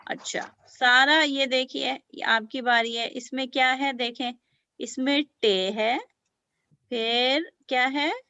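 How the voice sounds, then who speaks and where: Woman teacher, patient and encouraging, crisp bright voice, dull lo-fi video call audio. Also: high voice, steady tone, no room sound. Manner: patient, encouraging, sounds out letters slowly and praises often. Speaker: Urdu teacher. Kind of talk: beginner language lesson for children.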